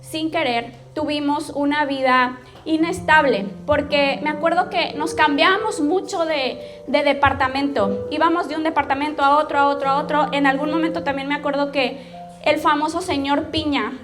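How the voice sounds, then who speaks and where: A woman's voice: high voice, steady tone, normal speed, over music. A Mexican woman pastor telling her life story as a testimony, storytelling and often checking in with the audience. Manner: storytelling, addresses the audience directly with frequent "¿ok?". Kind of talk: personal testimony sermon.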